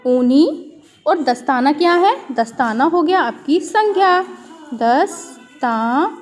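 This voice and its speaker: High-voiced Hindi teacher, slow spelling. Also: female voice, animated, faint music behind. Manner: slow and spelling words out letter by letter. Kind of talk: worksheet lesson for children.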